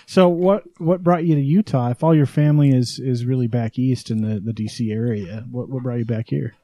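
Easygoing male host, very warm and mellow tone, dry close recording, keeps the questions coming. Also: medium pitch, steady tone, brisk, no room sound. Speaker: podcast host. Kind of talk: casual interview.

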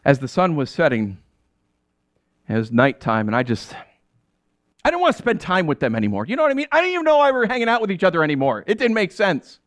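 A male pastor delivering a dramatic first-person sermon, telling the story in character and swinging between hushed and exasperated. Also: sits high, sing-song, quick pace, no echo. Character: the apostle Peter telling his own story.

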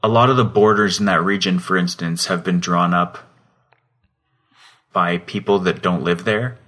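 A man's voice: deep voice, steady tone, normal speed, fairly bright tone. A Canadian man co-hosting a podcast in casual chat, laid-back and laughing as he searches for his words. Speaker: podcast co-host.

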